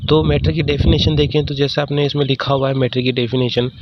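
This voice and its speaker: A male chemistry teacher giving a slide lecture. He reads English terms slowly, then explains them, and keeps asking questions that he answers himself. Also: medium pitch, level tone. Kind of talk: classroom lecture over slides. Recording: dull lo-fi sound with faint background noise.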